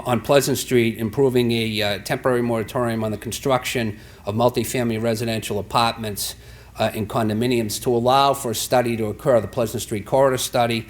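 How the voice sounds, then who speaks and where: A man with a Boston-area accent delivers a formal public address in a town meeting hall. He speaks in a halting way, often restarting phrases and filling gaps. His voice sits at an ordinary middle pitch. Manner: halting, frequent restarts and fillers. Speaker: town official giving an address.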